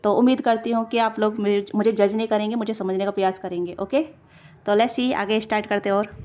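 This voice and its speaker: एक महिला tarot reader, जो कैमरे से सीधे बात करते हुए रीडिंग करती है और बहुत सारे भराव-शब्दों और खुद को सुधारते हुए लगातार बोलती जाती है।. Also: female voice, mid-range voice, fairly even intonation, a little mellow. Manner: rapid run-on talk with many fillers and self-corrections. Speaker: tarot reader. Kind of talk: casual tarot reading to camera.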